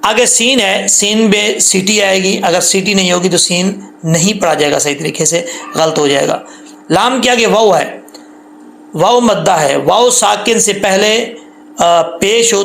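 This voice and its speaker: A man teaching tajweed rules patiently, repeating points and drawing out the recited syllables slowly. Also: sits high, creaky, fairly bright tone, a little hiss or hum. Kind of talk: tajweed lesson with slow recited examples.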